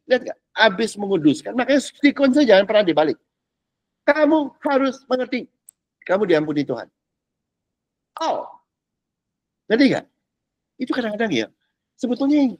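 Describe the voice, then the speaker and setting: A man's voice: high voice, a little mellow, dry recording. A man, a pastor, teaching a discipleship class in a casual, chatty way, mixing in slang and English and keeping on asking whether his listeners follow. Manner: chatty, keeps checking the class understands, drops English words; uses casual Jakarta slang. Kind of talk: informal teaching talk.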